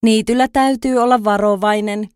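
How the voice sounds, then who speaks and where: A woman's voice: a little high, fairly even intonation, darkish tone, smooth, no room sound, clean studio sound, pitched above the performer's own voice, lightly acted. A woman voicing a curt, busy grasshopper who brushes off a fawn in a storybook reading. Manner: brusque, dismissive.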